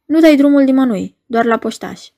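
A woman's voice: medium pitch, expressive, warm tone, close to an everyday voice. A woman reading an audiobook, voicing a nervous male finance director who talks shrilly and agitatedly. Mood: irritated.

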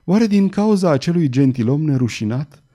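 A man voicing a tender young nobleman who speaks softly and kindly, in a read-aloud story. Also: a little high, lively intonation. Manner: soft, hushed.

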